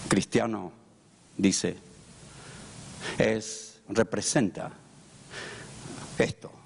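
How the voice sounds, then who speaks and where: A man's voice: on the low side, fairly even intonation, very slow, vocal fry, a little hiss or hum. Male pastor preaching in a reverberant hall. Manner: emphatic preaching, with strong rises on key words. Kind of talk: sermon.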